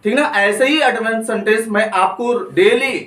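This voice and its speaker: A man with a high voice teaches a grammar lesson, asking the same question again and again and answering it himself. He sounds set back from the mic in an echoey room. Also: normal speed, a bit bright, far from the mic. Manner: repetitive question-and-answer drilling. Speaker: spoken English teacher.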